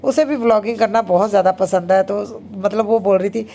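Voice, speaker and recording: A woman in her thirties, a homemaker vlogger, chatting casually and very fast with many fillers. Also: mid-range voice, warm tone. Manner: talks very fast. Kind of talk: casual vlog narration.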